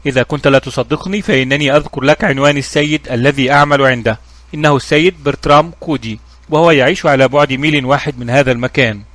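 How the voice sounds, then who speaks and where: A reformed car thief insists on his honesty in an earnest, reassuring way, as a storyteller puts him on. He talks at a brisk clip. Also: medium pitch, a bit bright, dry recording, lightly acted.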